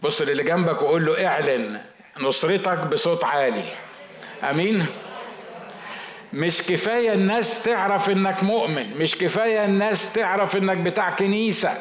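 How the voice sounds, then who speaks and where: A man's voice: high voice, fairly quick, roomy sound. A man with an Egyptian Arabic accent preaching a sermon as pastor, talking conversationally and acting out the objections of his listeners.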